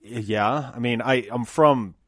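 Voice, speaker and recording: A Colorado man hosts his podcast solo, riffing unscripted, cursing freely, and acting out mock quotes with plenty of animation. His voice sits at medium pitch and he takes his time. The recording is studio quality with no echo.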